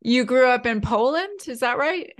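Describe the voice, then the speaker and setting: A woman's voice: high-pitched, animated, normal speed, crowd noise. A woman hosting a podcast interview, reacting with enthusiasm and encouragement. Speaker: podcast host. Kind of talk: casual interview.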